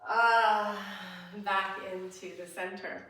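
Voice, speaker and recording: A woman's voice: on the high side, unhurried, sharp tone. A woman teaching a chair yoga class, guiding each move with breath cues in an encouraging, chatty way with small laughs. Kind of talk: guided exercise instruction. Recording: echoey room, mic at a distance.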